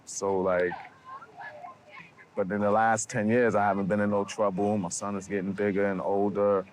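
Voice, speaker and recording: A man, answering documentary interview questions in a halting way and often repeating words. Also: lowish voice, level tone, slight background noise. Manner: halting, repeats words while searching for them. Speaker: interviewee, local resident.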